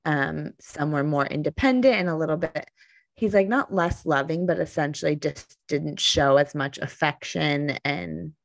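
Low gravelly-voiced woman chatting. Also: moderate pace, dry recording. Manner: chatty storyteller, animated when amused. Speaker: podcast co-host. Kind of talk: casual chat.

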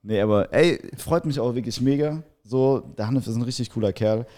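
A man's voice: mid-range voice, fairly quick, dark tone. A young man co-hosting a podcast, rambling in slangy casual chat and laughing often. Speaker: podcast co-host.

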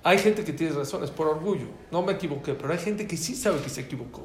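A man giving an informal, joking talk to a live audience, repeating his key phrases in an animated way. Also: on the high side, fast, roomy sound, slight background noise.

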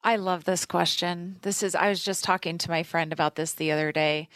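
A woman financial adviser on a panel, chatty and quick to laugh. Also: fairly low pitch, steady tone, no echo. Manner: chatty, laughs easily, warm storytelling. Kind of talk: casual panel chat.

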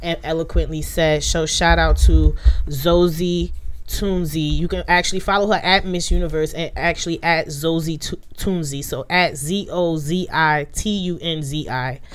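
Low-voiced woman host, under the weather. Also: normal speed, few pauses, slight background noise. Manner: loose, chatty delivery with many fillers. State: under the weather, a bit monotone. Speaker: podcast host. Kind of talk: casual chat.

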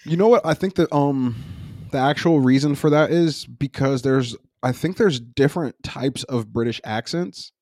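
A young man at a medium pitch, talking loose and profane in a casual chat, animated and sure of his opinions. His voice sits close and dry, with no room around it. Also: moderate pace, no room sound. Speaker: podcast co-host.

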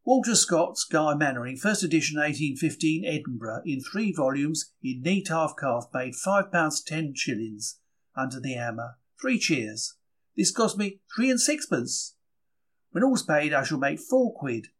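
A man reads a diary in the first person as a young 1930s working-class bookseller, dramatizing it with big pitch swings in a fairly high, rough-edged voice. The character is chatty, plucky, wry and easily stung, speaking emphatically and colloquially, and he comes across matter-of-fact and indignant.

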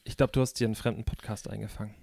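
Man, podcast host, gravelly voice, teasing, video call. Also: lowish voice, level tone, very fast, a little mellow, no echo, studio quality. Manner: joking, teasing. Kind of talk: casual chat.

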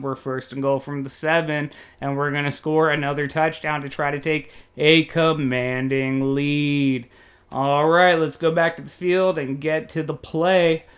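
A man doing joking, excitable, folksy play-by-play commentary on a football video game. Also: on the high side. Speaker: play-by-play announcer.

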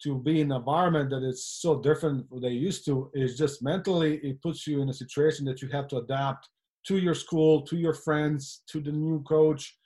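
A coach chats talkatively on a casual podcast, often ending his points with a question like "right?". His voice is a little high, steady and brisk, with a dark tone.

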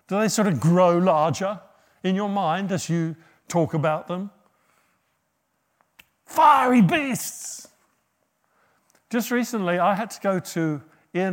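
A middle-aged man preaching a sermon, humorous and often asking his listeners questions. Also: sits high.

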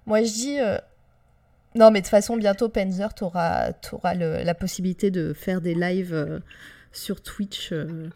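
A woman's voice: lowish voice, fairly even intonation, unhurried, mellow. Give me a woman hosting casual live chat. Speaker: host of an online radio show.

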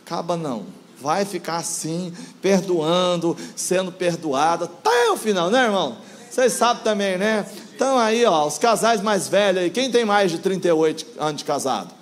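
A man's voice: high voice, lively intonation, moderate pace, slight background noise. A man in his sixties preaching in a conversational, playful way, often asking the congregation questions. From Brazil. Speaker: guest preacher. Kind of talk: sermon.

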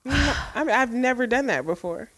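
A woman's voice: fairly high pitch, expressive, brisk, fairly bright tone, no echo. A young woman co-hosting a podcast, giggly casual chat who laughs at her own jokes. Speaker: podcast co-host.

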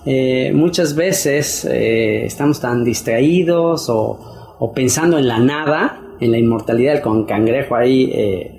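A man's voice: unhurried, vocal fry, a little mellow. A man giving a casual sermon to wives, talking conversationally with many fillers and repeated words. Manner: acts out quoted wives in a higher voice. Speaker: preacher.

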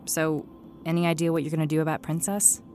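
A woman's voice: low-pitched, flat delivery, quick pace, a little mellow, slight background noise, close to an everyday voice. An actress playing a tough, protective young woman with a wry way of talking, in an audio drama.

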